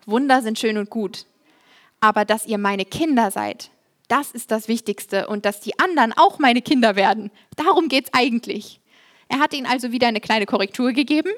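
A woman preaching a sermon in a lively, humorous, conversational way. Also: a little high, moderate pace.

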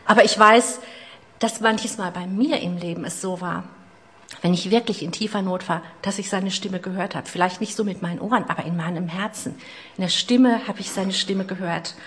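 A middle-aged woman preaching a sermon, retelling a story with personal asides, moving between loud emphasis and hushed lines. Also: mid-range voice, moderate pace.

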